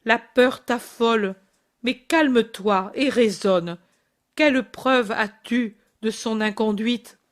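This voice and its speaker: A woman reading aloud and voicing a serene, gentle woman who calms a frightened friend. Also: fairly high pitch, slow. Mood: soothing. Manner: soothing, steady. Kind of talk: audiobook reading.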